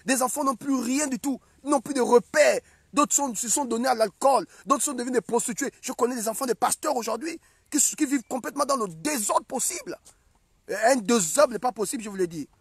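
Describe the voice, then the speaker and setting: High, gravelly young preacher man. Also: a little fast, no echo. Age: young adult. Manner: emphatic and repetitive, acts out scenes. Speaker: prophet preaching. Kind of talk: animated sermon.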